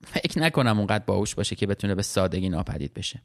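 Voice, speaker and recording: A man voicing a cold, troubled young woman speaking on the phone in a storybook reading, in a flat, chilly tone. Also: fairly low pitch.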